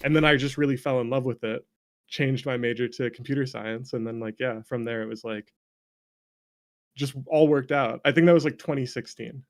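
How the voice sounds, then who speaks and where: As an interview guest, a game developer aged late 20s to early 30s recounts stories in a casual, conversational way, with a North American accent. He's self-deprecating, swears liberally and laughs easily, speaking at a medium pitch and moderate pace with fairly even intonation.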